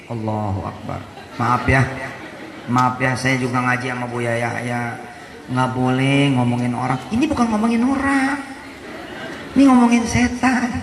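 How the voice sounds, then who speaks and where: Joking through a casual sermon, a man in his forties slips into little quoted voices as he preaches. He has a fairly high pitch with some vocal fry, and the hall adds reverb over a faint background hum.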